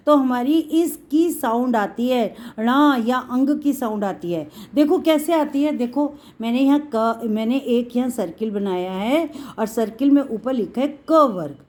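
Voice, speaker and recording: High-voiced woman teaching children patiently. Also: a little mellow. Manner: patient, drawn-out explaining, addresses students as beta. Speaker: Hindi teacher. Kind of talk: children's lesson.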